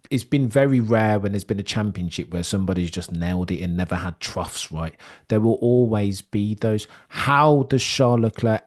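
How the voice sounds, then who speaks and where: A man's voice: lowish voice, a little mellow. Emphatic man arguing sports. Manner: emphatic, combative, addresses the host by name often. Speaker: guest pundit. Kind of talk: heated sports debate.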